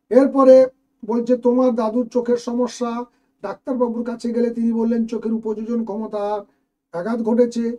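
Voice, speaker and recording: A man teaching, with a high voice and a dark, mellow tone. He goes through exam questions one at a time and talks straight to his students as he explains each answer. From West Bengal, India. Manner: explains step by step, addressing students directly. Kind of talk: exam question walkthrough lesson.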